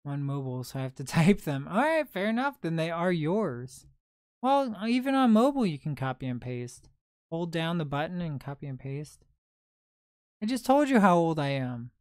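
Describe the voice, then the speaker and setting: A man's voice: on the high side, sing-song, moderate pace, darkish tone, clean tone, no echo, studio quality. A man in his twenties hosting a casual livestream, chatting and answering viewer comments as they come in. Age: 20s. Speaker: livestream host and reseller.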